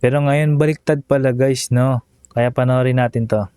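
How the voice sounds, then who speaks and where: A man's voice: medium pitch, fairly even intonation, moderate pace, mellow, clean tone, no echo, clean studio sound. A man vlogging casual reaction commentary over a video, chatty and emotional, often ending phrases with a questioning tag.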